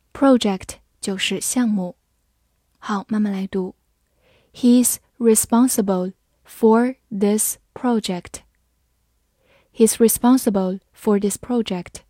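Slow, mellow-voiced woman teaching vocabulary. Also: medium pitch, no room sound, clean studio sound. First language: Chinese. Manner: spells words letter by letter and reads example sentences slowly. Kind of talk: slow scripted vocabulary lesson.

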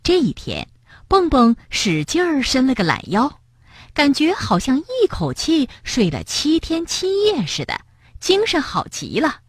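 A woman reading a children's storybook aloud in an expressive way, speaking to young listeners. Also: sits high, unhurried, dry recording, studio quality.

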